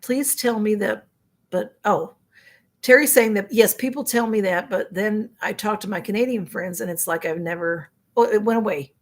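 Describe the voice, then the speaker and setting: Speaking at a moderate pace in a mid-range voice, a sixty-something woman hosts a casual live stream. She rambles, leans on fillers, laughs a lot, and reads comments from viewers aloud.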